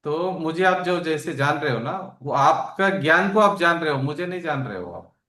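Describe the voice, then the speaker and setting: A man leads a spiritual scripture lesson, asking his listeners questions and using everyday examples. His voice sits a little high. The room around him rings with echo. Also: expressive, bright, forceful tone. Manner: explains slowly, asks listeners questions, jokes with food and mirror examples. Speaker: spiritual teacher.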